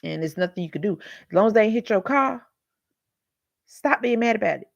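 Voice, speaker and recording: A woman's voice: mid-range voice, lively intonation, brisk, vocal fry, dry recording, highs cut off. A woman hosting a casual livestream Bible talk, speaking frankly and chattily, scolding listeners with humor and calling them y'all. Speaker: Bible study host.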